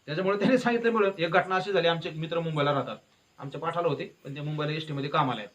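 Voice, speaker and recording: A man's voice: fairly high pitch, rapid-fire. A man giving a devotional discourse as a kirtan preacher, telling stories and asking questions that he answers himself. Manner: lively, asks questions and answers them himself.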